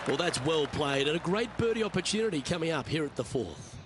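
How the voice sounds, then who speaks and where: Golf commentator, played by a man: higher pitch, measured, encouraging calls over crowd noise and music. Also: animated, natural voice.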